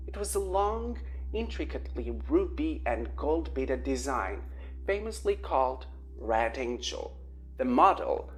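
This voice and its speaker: Woman with a really low voice reading a storybook, lively delivery, faint music behind. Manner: expressive storytelling. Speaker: audiobook narrator. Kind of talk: audiobook narration.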